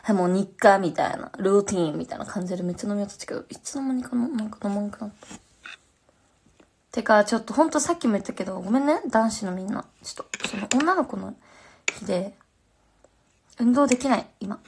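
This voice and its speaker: A woman's voice: medium pitch, expressive, fast talker, gravelly, darkish tone, slight background noise. A young woman with a Fukuoka accent chatting casually on a phone livestream, slangy and answering viewer comments. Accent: Fukuoka Japanese.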